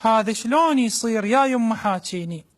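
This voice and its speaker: A man with a notably high voice recites colloquial dialogue in verse, linking it with narration. He speaks with an Iraqi Arabic accent. His delivery is declamatory, with lines repeated for emphasis. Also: animated, brisk. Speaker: religious reciter.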